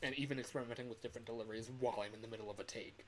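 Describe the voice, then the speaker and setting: A man recording game voice lines on a livestream chats casually, rambling and self-deprecating, at a very fast pace in a mid-range voice. A steady fan hum runs in the background.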